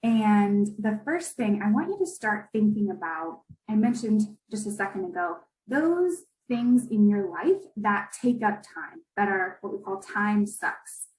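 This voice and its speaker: A woman's voice: medium pitch, animated, unhurried, few pauses, a little mellow, reverberant, low-quality recording. A young woman in her twenties giving an online presentation, chatty and informal, often adding "right?". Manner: conversational, with many fillers and "right?" tags. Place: video call.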